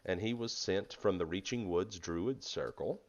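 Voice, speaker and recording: A man with a very low voice narrates as game master of a tabletop fantasy game. He is relaxed and chatty, with plenty of fillers. The recording is slightly dull and lo-fi. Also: a little slow.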